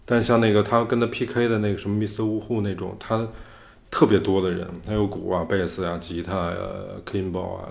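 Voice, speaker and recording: Man, podcast host, casual chat, rather low voice, explaining music in a loose way. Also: level tone, fairly quick, vocal fry. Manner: loose, explanatory talk about music theory.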